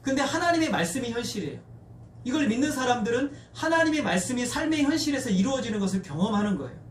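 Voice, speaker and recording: Earnest high-voiced male pastor preaching. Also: expressive, quick pace, roomy sound, recorded from a distance, a little hiss or hum. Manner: earnest preaching, leads congregation in reading aloud. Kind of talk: sermon. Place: church sanctuary.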